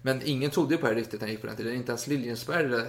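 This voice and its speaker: Casual male storyteller, animated, mid-range voice, conversational history chat. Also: mid-range voice. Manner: animated retelling with acted quotes and laughs. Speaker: podcast co-host storyteller.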